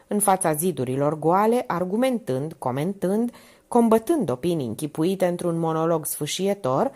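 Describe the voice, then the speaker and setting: A woman reading a novel aloud as an audiobook narrator in an expressive, animated manner. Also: sits low. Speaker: audiobook reader.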